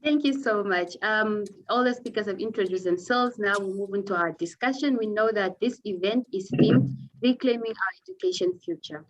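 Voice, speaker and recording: A woman's voice: medium pitch, normal speed, hardly any pauses, slight background noise, rough recording. A woman moderating an online panel, politely and formally handing the floor to each speaker. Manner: polite, formal turn-giving.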